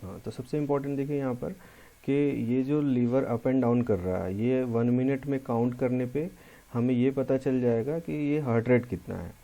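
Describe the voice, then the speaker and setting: Male pharmacy lecturer, Hindi accent, very dark mellow tone, patient explanatory delivery. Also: medium pitch, normal speed, dull audio. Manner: explanatory, repeats key terms, mixes English terms into Hindi. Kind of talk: classroom lecture walkthrough.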